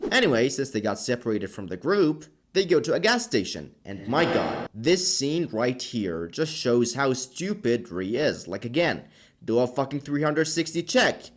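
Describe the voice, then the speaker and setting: A man's voice: medium pitch, very animated, moderate pace. A man giving a comedic voice-over recap of an anime, sarcastic and profane, often sounding exasperated.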